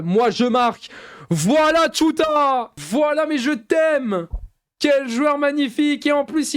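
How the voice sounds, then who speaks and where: A man giving excited play-by-play commentary over a football video game, shouting out goals like a mock commentator and dropping into low mumbled asides between bursts. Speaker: gaming YouTuber.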